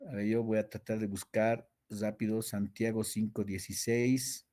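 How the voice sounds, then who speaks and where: A man teaching a theology class, reading verses aloud, stretching key words slowly for emphasis and quizzing his students. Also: lowish voice, flat delivery, warm tone. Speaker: Bible teacher.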